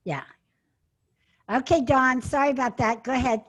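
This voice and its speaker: A woman's voice: high voice, moderate pace. A woman coaching a workshop on a video call, chatting casually with encouraging exclamations.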